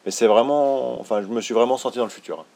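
A man co-hosting a podcast in casual chat. He rambles excitedly and swears when he gets teased. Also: medium pitch, quick pace, gravelly. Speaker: podcast co-host.

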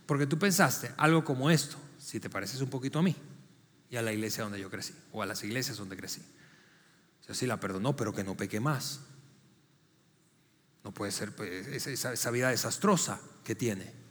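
A man's voice: mid-range voice, moderate pace, a bit bright, big-room sound. A man preaching a sermon as pastor, speaking conversationally, asking the congregation direct questions and often repeating and restarting words.

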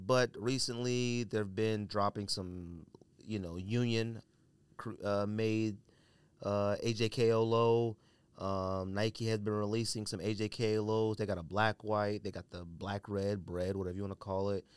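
Here the podcast host's voice is smooth and on the low side, with no echo. He's a bit sick, coughing and sneezing, yet keeps up his casual, blunt, opinionated talk, driving points home by saying them again.

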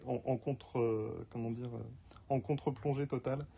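A man co-hosting a casual podcast chat who speaks hesitantly, pausing often and searching for words. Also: medium pitch, fairly even intonation, gravelly, dark tone, husky. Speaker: podcast co-host and screenwriting teacher.

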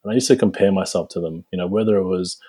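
With a deep, mellow voice carrying a breathy edge, this forties-aged New Zealander is a guest dentist in an interview. He responds thoughtfully but haltingly, frequently starting his sentences over.

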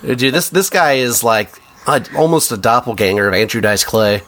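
A man's voice: medium pitch, expressive, normal speed, fairly bright tone. A man co-hosting a podcast, chatting casually and sarcastically about a bad movie. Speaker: podcast co-host.

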